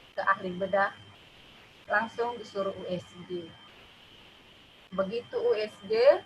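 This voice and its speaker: A young woman giving an emotional personal testimony in church, halting and often adding a soft "ya". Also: mid-range voice, muffled recording, slight background noise.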